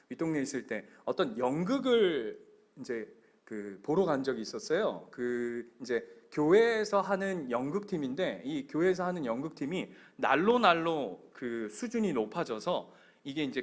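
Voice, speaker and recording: A male pastor delivers a sermon in a church, his fairly high voice rising and falling with great animation. He tells stories with energy and keeps turning to the congregation with direct questions. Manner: animated storytelling. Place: church sanctuary.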